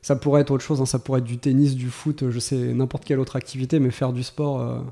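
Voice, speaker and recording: A man's voice: medium pitch, level tone, fast talker, mellow. A man in his thirties, a guest in a podcast interview, thinking aloud with many hesitations and restarts. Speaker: guest, tech executive. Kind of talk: casual interview talk.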